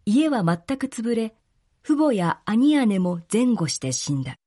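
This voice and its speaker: A woman narrating a literary story in a calm, measured reading. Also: a little high.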